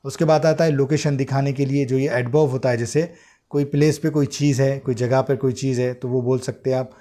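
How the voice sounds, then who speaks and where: A man with an Indian accent teaching English usage to exam aspirants in a relaxed, mellow voice. He reads each example sentence slowly and deliberately, then switches to quicker Hindi to explain it. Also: mid-range voice. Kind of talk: bilingual lesson explaining English phrases.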